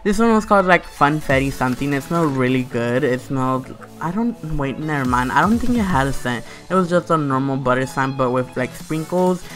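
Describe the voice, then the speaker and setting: A man's voice: mid-range voice, lively intonation, brisk, few pauses, a bit bright, soft background music. A man giving a casual, gushing voice-over product review, peppering it with "like", "super" and "you guys". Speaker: slime shop reviewer, video host.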